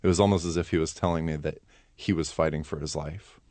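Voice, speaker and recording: Male student interview guest. Very deep bass voice, sincere delivery, no room sound. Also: fairly even intonation, fast talker, a little mellow, no room sound. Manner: earnest. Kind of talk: earnest radio interview answers.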